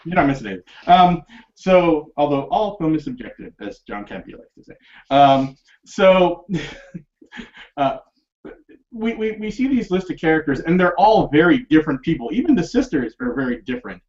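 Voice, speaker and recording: A man's voice: on the high side, sing-song, normal speed, darkish tone. A man hosting a casual film discussion podcast, rambling with lots of fillers and restarts and laughing often. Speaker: podcast host. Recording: dull lo-fi podcast recording.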